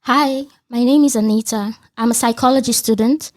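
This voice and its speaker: A woman's voice: a little high, fairly even intonation, normal speed. A young woman from Nigeria, a psychology student co-hosting a podcast, speaking steadily from prepared remarks. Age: young adult. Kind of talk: scripted podcast talk.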